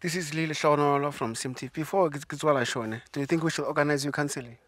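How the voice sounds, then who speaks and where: A man's voice: fairly high pitch, steady tone, fast, fairly bright tone, no room sound. A young man with a South African accent hosting a conversational interview in a car, giving advice and mixing English phrases into local speech. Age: young adult. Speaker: host and interviewer. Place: inside a parked car. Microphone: handheld microphone and lapel mic.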